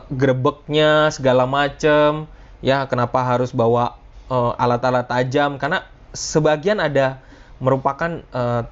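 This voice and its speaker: A man teaching a class live over a video call, with a mid-range voice. He talks casually and often stops and restarts his sentences. The audio sounds dull and lo-fi. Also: medium pitch. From Indonesia. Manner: casual, conversational teaching with frequent fillers and restarts. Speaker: lecturer. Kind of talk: live online lecture.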